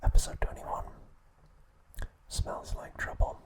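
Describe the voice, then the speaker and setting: An ASMR channel host, male, narrates a scripted piece in a breathy, unvoiced whisper, keeping his delivery measured and soothing.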